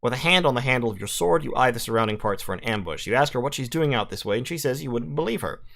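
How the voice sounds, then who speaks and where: A man's voice: mid-range voice, expressive, quick pace, creaky, a bit bright. A man playing a game, commenting casually, reacting with swearing and disbelief, and reading event text aloud. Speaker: let's play gamer. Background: game music.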